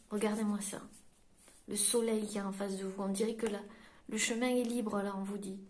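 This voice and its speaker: A woman with a French accent, working as a medium and giving a spoken card-reading guidance to her viewers, pausing and restarting as she looks for words. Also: mid-range voice, darkish tone, slight background noise. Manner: halting, searching for words while reading cards. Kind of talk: tarot-style guidance reading to camera.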